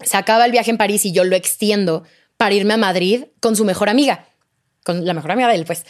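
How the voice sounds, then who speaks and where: A woman's voice: mid-range voice, quick pace. A young woman, telling a personal story in casual chat, full of fillers and quoted dialogue. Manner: animated, quotes others, many fillers like "de que" and "o sea". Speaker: podcast guest.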